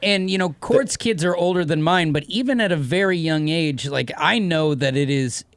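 Gravelly-voiced male podcast host. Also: a little high, moderate pace, no echo. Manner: earnest, anecdotal, given to bursts of comic shouting. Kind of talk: casual chat.

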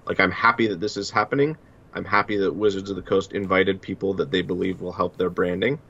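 A man co-hosting a podcast, giving his opinions in a measured, casual way. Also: sits low, level tone, creaky, pushed and bright, slightly rough, muffled recording. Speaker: podcast co-host.

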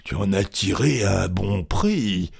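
A man's voice: low voice, expressive, slow pace, heavily acted. A man voicing a greedy, envious male peasant in a storybook reading. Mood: suspicious. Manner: gruff, then hawking loudly.

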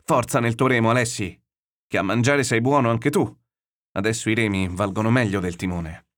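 Man doing young fisherman, hot-headed, blunt, cursing, low-ish voice, storybook reading. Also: fast talker, lightly acted. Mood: blunt, agitated.

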